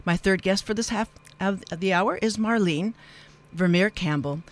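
Hosting a live radio interview program, a woman speaks at a medium pitch. She talks in a wordy, halting manner that drifts into asides.

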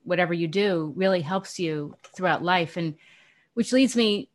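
A woman's voice: lowish voice, moderate pace. A woman hosting a radio show, talking conversationally as she interviews a guest.

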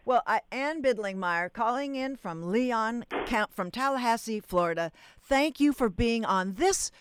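A woman's voice: on the high side, expressive, unhurried, slight background noise. A woman hosting a call-in radio show, talking in a chatty, rambling way with many restarts.

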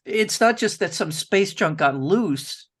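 A man's voice: sits high, lively intonation, slow pace, fairly bright tone. Man hosting a film radio interview. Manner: enthusiastic, thinks aloud with restarts. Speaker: radio show host.

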